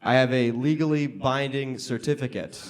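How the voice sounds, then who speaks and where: An American man doing stand-up comedy with crowd work, talking conversationally to a club audience with pauses and emphatic punchlines. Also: mid-range voice, noisy background. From Las Vegas, United States. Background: audience laughter.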